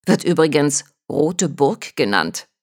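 A woman's voice: deep voice, sing-song, slow pace, exaggerated voice. A woman voicing a cheerful, daring young man who talks in a breezy, boastful way.

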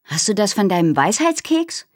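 A woman's voice: mid-range voice, big pitch swings, moderate pace, dry recording. A woman voicing a sarcastic young girl. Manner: dry, sarcastic.

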